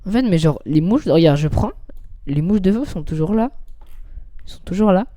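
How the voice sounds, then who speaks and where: A man's voice: high-pitched, expressive, normal speed, dark tone, no room sound. A young man giving casual, rambling commentary while playing a video game, reading game text aloud. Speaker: gaming youtuber.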